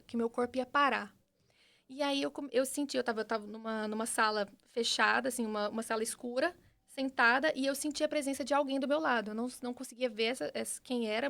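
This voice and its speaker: A young woman with a Brazilian Portuguese accent, a podcast guest giving an earnest, animated personal testimony with frequent restarts. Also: a little high. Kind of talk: personal testimony in casual conversation.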